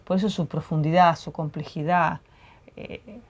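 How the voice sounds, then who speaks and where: Female co-host with a low-set voice, reading verse and discussing it thoughtfully. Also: a little mellow. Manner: reflective, measured, frequent tag questions. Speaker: poetry program co-host.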